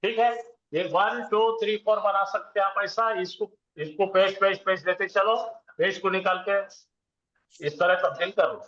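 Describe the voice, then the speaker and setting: Man, high voice, classroom teacher, call-and-response quizzing, chanted conjugation drills, roomy echo, muffled lo-fi sound. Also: fairly even intonation, moderate pace, bright, forceful tone. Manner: chants verb conjugations in rhythmic lists. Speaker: Arabic grammar teacher. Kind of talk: classroom lecture. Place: classroom with students. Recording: roomy, dull lo-fi classroom recording.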